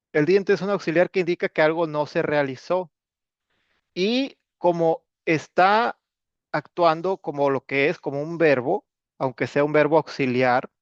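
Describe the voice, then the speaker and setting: A man's voice: fairly high pitch, dry recording, highs cut off. Casual man teaching English. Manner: casual, joking, with many fillers. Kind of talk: recorded class explanation.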